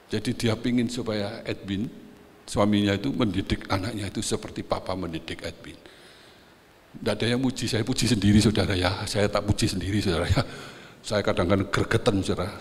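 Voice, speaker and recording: An older male pastor delivers a lively, story-filled sermon, warmly addressing his congregation again and again. His voice sits on the low side. It carries the long reverb of a large church hall. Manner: animated, anecdotal, addresses listeners as brothers and sisters.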